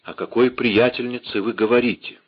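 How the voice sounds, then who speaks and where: A man's voice: medium pitch, fairly even intonation, fairly quick, lightly acted. A man reading a passionate young swordsman in an audiobook, urgent and crying out in alarm. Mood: anxious. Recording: dull lo-fi audiobook recording.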